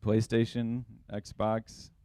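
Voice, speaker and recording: A man's voice: fairly low pitch, monotone, drawn-out words, warm tone, no room sound. A young man giving an earnest, heartfelt wedding toast as the groom's older brother.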